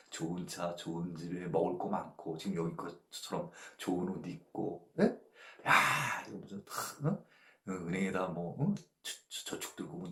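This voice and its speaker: A man's voice: low voice, echoey room. A male pastor leading a Bible study, talking animatedly and peppering his teaching with rhetorical and tag questions.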